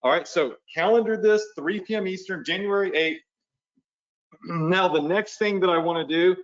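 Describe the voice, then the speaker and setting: Hiccuping throughout, a high-voiced man hosts a relaxed live webinar, walking people through each step and frequently checking on them. He speaks at a measured pace, and the audio is reverberant with the top end cut off.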